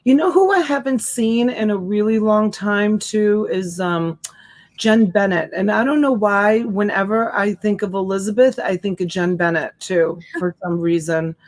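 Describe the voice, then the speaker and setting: A woman in her forties with a mid-range voice and a slight Boston accent speaks at a normal pace, hosting a casual live-stream auction from a home room lined with shelves. She greets viewers by name with endearments, talking into a desk USB mic.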